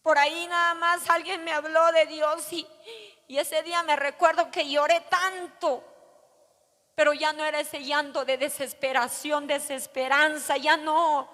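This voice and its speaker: Female pastor, earnest sermon testimony, high pitch, long hall reverb. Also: flat delivery, a little slow, fairly bright tone. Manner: earnest, addresses listeners as brothers.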